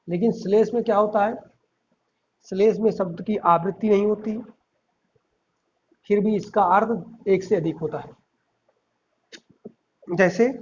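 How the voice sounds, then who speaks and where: A man's voice: high voice, darkish tone, lo-fi sound, slight background noise. A male teacher giving an exam-prep grammar lesson, explaining step by step and reciting verse examples.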